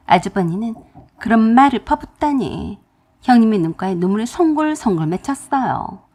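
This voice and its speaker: A woman's voice: on the high side, warm tone. A woman narrating a first-person story for a radio drama channel, with an indignant storytelling manner.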